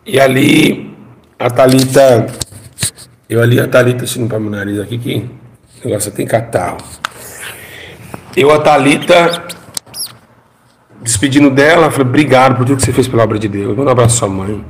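A man's voice: medium pitch, fairly quick, long pauses, slight background noise. A middle-aged Brazilian man and former pastor gives an emotional testimony. He tells the story dramatically, repeats his phrases and has the audience repeat after him.

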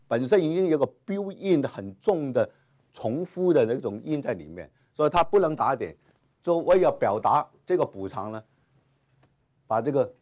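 A man's voice: mid-range voice, a little mellow. Guy teaching a grammar class, voice jumps up and down a lot, keeps going "ah" and "ha". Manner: frequent "啊" and "哈" fillers, mixes English terms. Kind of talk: classroom lecture. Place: classroom with whiteboard.

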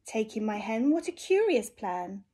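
Lady doing a fussy old granny voice, high and pleading, kinda husky, storybook style. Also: big pitch swings, measured pace, warm tone, heavily acted. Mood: fretful pleading. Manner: exclaiming, pleading. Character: fussy little old lady, grumbling, cramped.

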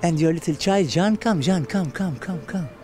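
A man's voice: high-pitched, moderate pace, warm tone. A man in his thirties with a Maltese accent, hosting an outdoor TV segment in a garden, coaching his guest and repeating himself before turning sentimental. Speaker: TV host. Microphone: handheld microphone.

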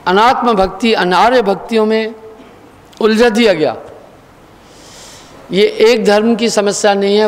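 A man giving a spiritual discourse, earnest and questioning, sometimes chanting verses slowly. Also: sits high. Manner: sings verses in slow chant. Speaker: spiritual teacher. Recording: long hall reverb.

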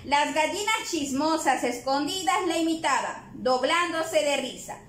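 Woman teacher, storybook read-aloud for kids, animated, high voice, echoey room with faint hum. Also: unhurried. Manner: animated, addressing children.

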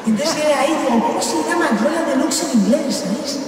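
A woman's voice: high voice, animated, fast, a crowd in the background. A woman performing a chatty stand-up comedy monologue, teasing the audience and talking straight to them. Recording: echoey hall from far off, noisy ambience.

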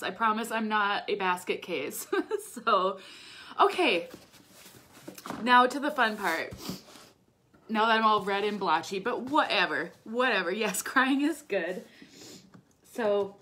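Tearful, excitable young woman on a livestream. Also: on the high side, slight background noise. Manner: emotional, tearful, excitable with frequent laughs and fillers. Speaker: livestream host, direct seller. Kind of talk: casual livestream chat. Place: at home, indoors. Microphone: phone or webcam.

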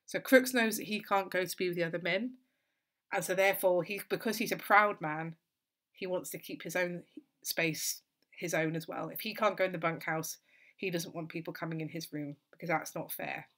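A woman tutor giving an exam-revision literature lesson, explaining in a steady, thoughtful way with lots of "so" and "kind of". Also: on the low side, moderate pace.

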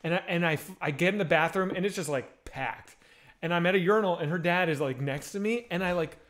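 A fast-talking, high-pitched man in his thirties hosts a casual video-call chat. This podcast host speaks into a headset mic at home with bookshelves around him and tells crude stories full of energy.

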